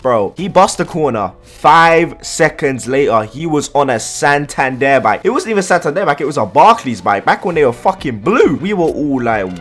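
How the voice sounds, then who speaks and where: A man's voice: a little high, fairly bright tone. A young man telling a story from his youth in a casual, profane, slangy way. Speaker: gaming vlogger.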